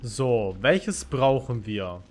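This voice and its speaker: A man with a German accent and an expressive, slightly mellow mid-range voice draws out his words as he gives casual live commentary while streaming a video game. Game music plays behind his voice.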